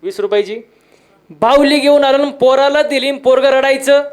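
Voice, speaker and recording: A man's voice: extremely high pitch, steady tone, moderate pace. A man giving a humorous devotional kirtan sermon, telling stories with repeated refrains and quizzing the crowd for answers. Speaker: kirtan preacher.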